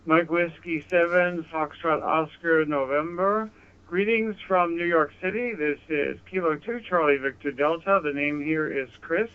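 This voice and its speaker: An amateur radio operator, a smooth-voiced American man pitched a little high, makes a conversational ham radio contact. He is polite, measured, and deliberate, heard through narrow, phone-like handheld radio transmission.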